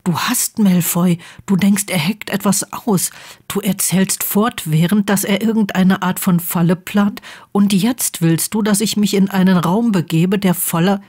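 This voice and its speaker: A woman voicing an anxious, grumpy teenage boy wizard, speaking in a hushed, half-whispered voice. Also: mid-range voice, measured pace, slightly rough.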